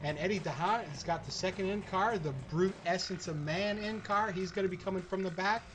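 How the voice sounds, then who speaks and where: A man's voice: high-pitched, a little fast, fairly bright tone, slight background noise. A man giving informal, blunt kart race commentary with salty banter as a co-commentator.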